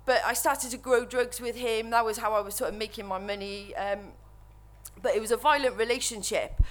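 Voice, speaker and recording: A woman's voice: medium pitch, a bit bright. Welsh woman late 30s, nervous, lots of ums and false starts, speaking at a mic to a room. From Wales. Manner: nervous, halting, many ums and restarts. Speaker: speaker sharing recovery story. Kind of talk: personal testimony to an audience. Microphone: microphone while standing before an audience.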